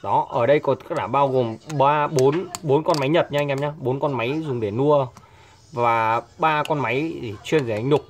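A man's voice: mid-range voice, moderate pace. A man, a fishing tackle shop owner showing products in a chatty way, often hesitating and repeating himself. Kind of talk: casual product showcase. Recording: noisy background.

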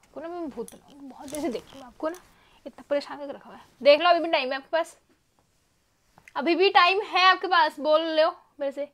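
A woman's voice: high-pitched, fairly quick, a bit bright. A woman pleading with and scolding her husband in a casual home vlog, coaxing him to talk. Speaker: wife being pranked.

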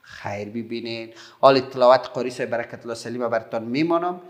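A middle-aged man with an Afghan Dari accent, teaching young children patiently, repeating slowly and praising often. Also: medium pitch. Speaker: primary school teacher.

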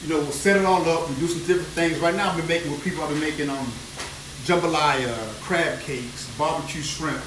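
A man with a voice on the high side talks a little fast in a steady tone, a New Orleans chef chatting exuberantly and repeating phrases during a live cooking stream from his home kitchen. He's recorded on a phone camera moved around the echoey kitchen from a distance, with food frying and sizzling noisily.

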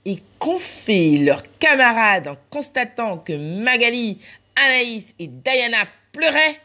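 Animated woman storyteller, unhurried. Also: on the high side. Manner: animated, acts out laughs and cries. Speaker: library storyteller. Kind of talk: reading a children's picture book aloud.

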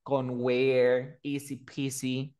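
A man's voice: medium pitch, completely flat delivery, very slow, darkish tone, smooth. A man teaching English in Spanish, patiently repeating words to drill pronunciation. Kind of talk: online English lesson in Spanish.

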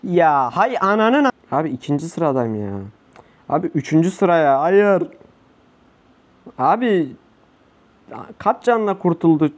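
A man's voice: on the high side, big pitch swings, a little slow, long pauses. A young man commentating his own gameplay for viewers, frustrated and swearing often at other players. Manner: frustrated, swears a lot, shouts at opponents. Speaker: gaming YouTuber.

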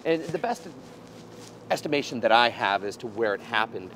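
A man in his thirties guides a walking tour outside by a prison wall on a city street, recounting history as a casual story with lots of fillers and restarts. His mid-range voice is expressive and a bit bright, at a normal speed. The recording picks up street traffic.

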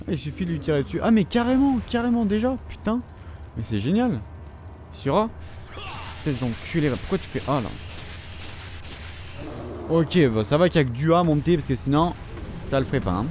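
A man's voice: on the high side, a little mellow, a little hiss or hum. A young man with a French accent commentating his gameplay, swearing constantly and scolding the characters on screen. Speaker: gamer.

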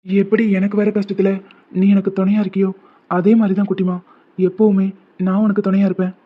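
A devoted young man from a cartoon love story, voiced by a man, speaking earnestly in a high, level voice. The sound is tinny and phone-like. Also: little pitch movement, a little fast. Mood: tender. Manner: earnest, soft-spoken comforting. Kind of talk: cartoon voice acting.

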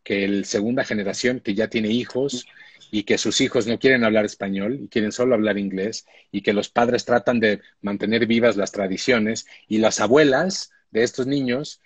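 Man, 40s, mid-pitched, reflective showrunner guest on a home video call, dry close sound. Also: breathy edge, dry recording. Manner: thoughtful, reflective, with frequent restarts. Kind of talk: casual live-stream interview. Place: indoor room at home. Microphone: phone or laptop on a video call.

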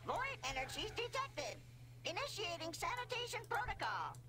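A woman voicing a calm, machine-like female custodian in a video game, speaking like a measured ship computer reading out procedures. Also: extremely high pitch, noisy background, full character voice.

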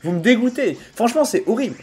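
A young man with a Sarthe French accent streams a video game from a small room at home, talking to viewers over a headset mic. His voice is very high-pitched and fast, with music playing in the background. He swings between mock-outraged rants, frequent laughter and bursts of loud excitement in casual livestream chat.

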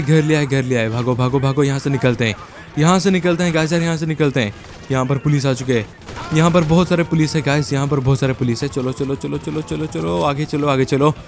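A young man giving excited gameplay commentary, talking to his viewers in casual slang and repeating words in quick, frantic bursts. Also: on the high side. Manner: speaks as the game character in first person; casual slangy Hinglish, addresses viewers as guys. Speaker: gaming YouTuber. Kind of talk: excited Let's Play commentary.

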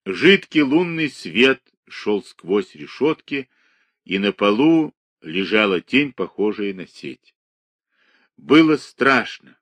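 A man narrating a literary audiobook with an expressive, dramatic reading. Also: medium pitch, dry recording.

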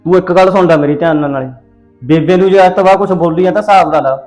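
A man's voice: sits high, rapid-fire, a little mellow, echoey room, faint music behind, natural voice. A man playing an exasperated young husband. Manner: exasperated, defensive. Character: torn young husband defending his mother. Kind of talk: village family drama acting.

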